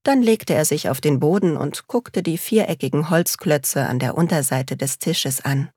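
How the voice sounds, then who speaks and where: A woman narrating a storybook in a slow, calm, measured reading. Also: deep voice, slightly rough, no echo, clean studio sound.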